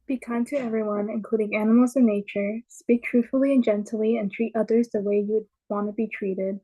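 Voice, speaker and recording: Woman reading a class talk, soft mellow tone, bit high. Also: fairly even intonation, fairly quick, poor audio. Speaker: student presenter and quiz asker.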